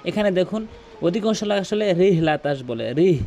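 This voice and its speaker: A man with a high voice gives a recitation lesson. He explains each sound plainly, then chants the phrases slowly and stretches them out at a higher pitch. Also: animated, dark tone. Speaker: Quran recitation teacher. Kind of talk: tutorial on Arabic pronunciation.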